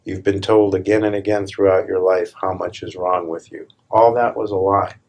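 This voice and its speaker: A man leading a guided meditation as a spiritual teacher, calm and deliberate, with a gravelly, husky voice and measured pauses between short phrases. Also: low voice.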